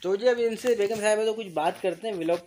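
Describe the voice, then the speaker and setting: A man's voice: sits high, fast, a little mellow, slight background noise. Joking Karachi man vlogging at home. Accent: Karachi Urdu. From Karachi, Pakistan. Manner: joking, teasing, addresses viewers directly. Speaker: vlog host. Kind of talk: casual family vlog chat. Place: home during a power cut. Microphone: phone, no external mic.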